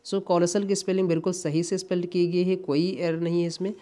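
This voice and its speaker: A man's voice: high-pitched, little pitch movement, brisk, mellow. A man tutoring exam English, explaining step by step and repeating key words with frequent tag questions. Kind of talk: exam-prep lesson.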